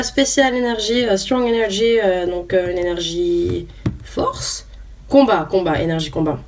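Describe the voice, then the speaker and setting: A young woman chatting casually as she opens trading cards, hesitant with lots of fillers, reading each card name aloud. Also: mid-range voice. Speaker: YouTuber opening trading cards. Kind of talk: casual unboxing chat. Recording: voice a bit far from the mic, faint noise.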